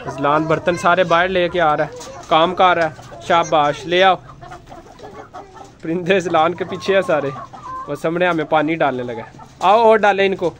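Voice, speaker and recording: A man speaking at a normal speed with a voice on the high side narrates casually while he films his rooftop chickens on a handheld phone. Gentle and instructive, he keeps coaxing the children who are feeding the birds near the coops.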